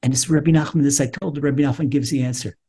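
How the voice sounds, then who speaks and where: Husky-voiced rabbi teaching Torah. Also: male voice, mid-range voice, fairly even intonation, fast talker, dark tone. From Israel. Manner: quotes Hebrew text then translates, emphatic. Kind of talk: Torah lesson.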